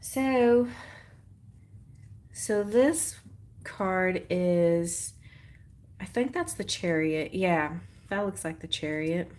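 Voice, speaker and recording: Hosting a livestreamed tarot reading, a woman puts on a Texas accent and chats casually, playful and rambling as she thinks aloud. Her lowish, darkish voice is animated but very slow, with long pauses.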